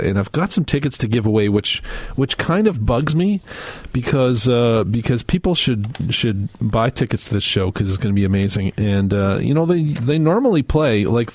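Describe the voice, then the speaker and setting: Chatty low-voiced male radio host. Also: a little mellow, no room sound. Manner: rambling, many filler words and restarts. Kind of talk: casual radio show patter. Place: radio studio.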